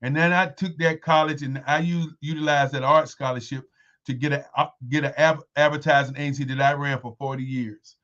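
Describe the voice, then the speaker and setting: A man's voice: fairly high pitch, fairly even intonation, fairly quick, fairly bright tone, dull audio. A man in his sixties, a guest in a casual interview, talking in an emphatic, repetitive, insistent way. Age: 60s.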